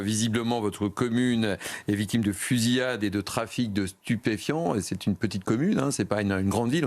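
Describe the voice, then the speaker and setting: A man hosting a live TV news show, teasing a colleague and then introducing a guest with many hesitations. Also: lowish voice. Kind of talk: bantering live TV news chat. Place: TV studio.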